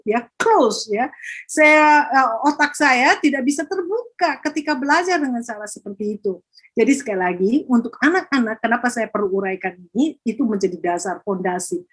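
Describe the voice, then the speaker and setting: An older woman, a grandmother and education coordinator, telling lively stories with acted quotes during a conference talk. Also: on the high side, breathy edge.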